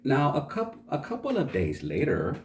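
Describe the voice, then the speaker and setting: A man's voice: mid-range voice, wildly swooping pitch, normal speed, a little hiss or hum. A man telling a folk tale for learners in a chatty way, stopping to ask his listeners questions and explain words. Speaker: storyteller.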